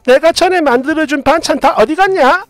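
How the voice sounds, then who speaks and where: A woman voicing a sharp-tongued older mother-in-law who scolds and grumbles. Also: sits high, a little fast, no room sound, pitched above the performer's own voice, lightly acted. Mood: scolding.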